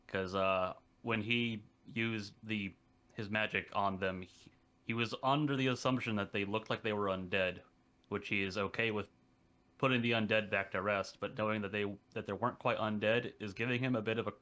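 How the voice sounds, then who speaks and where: A man playing a tabletop game, thinking aloud about his character's feelings in a relaxed way. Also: on the low side, normal speed. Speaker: player. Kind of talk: casual tabletop play.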